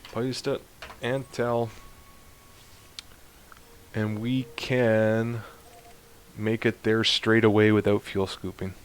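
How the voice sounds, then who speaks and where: A man narrating a space game walkthrough, explaining steps to viewers in a chatty, instructive way and getting excited at times. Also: fairly low pitch, takes it slowly, pauses often, clear, resonant tone. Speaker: gaming YouTuber. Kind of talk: let's play walkthrough commentary.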